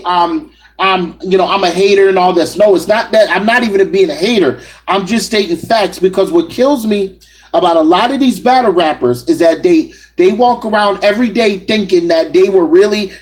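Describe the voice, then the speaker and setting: A man's voice: high voice, rough recording. A man giving assertive, argumentative commentary on battle rap, speaking directly to his viewers. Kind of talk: opinionated solo commentary.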